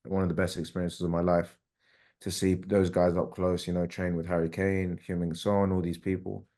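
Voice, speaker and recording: A man's voice: sits low, moderate pace. A young man with a London accent, a professional soccer player being interviewed, talking in an easygoing way with plenty of filler words. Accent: London English. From England. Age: young adult. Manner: relaxed, easygoing, uses fillers like "like" and "um". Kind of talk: casual interview.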